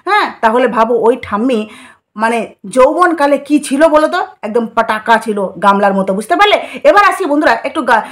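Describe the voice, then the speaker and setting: High-voiced woman spilling gossip. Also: a bit bright. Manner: conspiratorial, rhetorical questions to viewers. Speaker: vlogger. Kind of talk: gossip commentary vlog.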